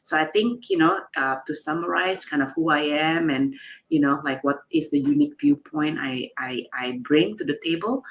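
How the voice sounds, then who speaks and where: Low-voiced woman from Indonesia, reflective. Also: slight background noise, poor audio. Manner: reflective, frequent "you know" and "like" fillers. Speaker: guest executive. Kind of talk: conversational interview answer.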